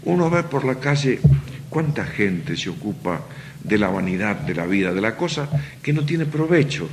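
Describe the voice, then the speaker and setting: A man's voice: mid-range voice, a little hiss or hum. An older man with a Rioplatense Spanish accent, preaching a sermon in a conversational style with rhetorical questions to the congregation. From Argentina.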